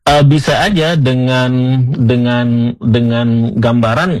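A man from Aceh with an Acehnese accent, talking as a content-creator guest in a relaxed, casual way with frequent fillers and chuckles. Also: medium pitch, takes it slowly, faint music behind. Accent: Acehnese-accented Indonesian. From Aceh, Indonesia. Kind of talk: casual podcast interview.

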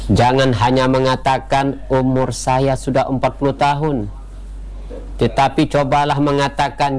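A man giving a radio sermon in a measured way, opening with Arabic prayer formulas. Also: mid-range voice, darkish tone, a little hiss or hum, poor audio. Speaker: radio preacher.

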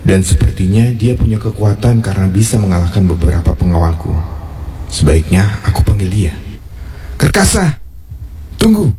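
A man's voice: deep voice, steady tone, a little fast, mellow, slight background noise, lightly acted. A man playing a stern, dismissive king in a historical drama, with an imperious, declamatory delivery. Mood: deliberating. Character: stern, dismissive adult male king in his palace. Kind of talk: Indonesian historical drama dialogue.

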